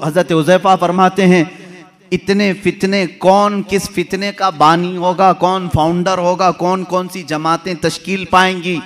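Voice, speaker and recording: A male mufti giving an impassioned sermon, swinging from loud calls to hushed storytelling. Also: high-pitched. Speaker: mufti preacher.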